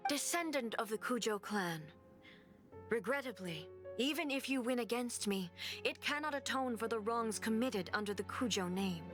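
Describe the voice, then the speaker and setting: Actress as imperious godlike ruler, formal and measured, game music behind. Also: female voice, a little high, expressive, close to an everyday voice. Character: stern godlike female ruler, cold and imperious. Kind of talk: game dialogue voice acting.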